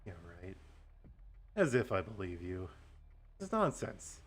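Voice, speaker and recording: A man's voice: low-pitched, very animated, takes it slowly, breathy edge, heavily acted. A man reads the part of a serious young woman student in a game. She is impatient and defiant, answering in curt, indignant lines.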